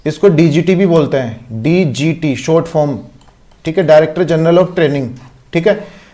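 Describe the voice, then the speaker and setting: A man's voice: a little high, measured pace, mellow. A man with an Indian accent teaching an online exam-prep lecture, explaining step by step and checking in with constant rhetorical questions.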